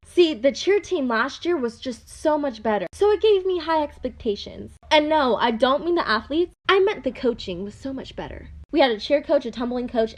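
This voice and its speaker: A young woman telling a casual story-time monologue in a dry, mocking, deadpan way. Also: high voice.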